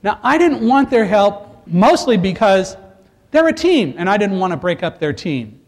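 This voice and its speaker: A man telling a personal survival story to an audience, earnest and animated, building to loud emphasis. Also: high voice, normal speed. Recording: echoey hall reverb.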